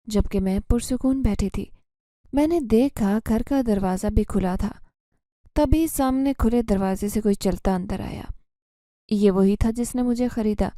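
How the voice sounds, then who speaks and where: A woman reading a scripted first-person horror story in a soft, sorrowful manner. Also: medium pitch, no room sound, studio quality.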